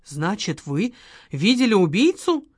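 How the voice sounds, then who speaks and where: A woman's voice: mid-range voice, sing-song, a little slow, breathy edge, no room sound, clean studio sound. Woman reading a shrewd male investigator. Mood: calm questioning. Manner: firm, patient questioning.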